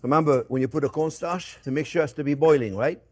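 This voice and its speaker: Older guy chef doing a cooking demo, voice a bit high, chatty n animated, says stuff twice, calls everyone friends. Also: quick pace. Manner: animated and chatty, repeats short phrases; addresses viewers warmly as friends. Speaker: chef hosting a cooking show. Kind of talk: casual cooking demonstration.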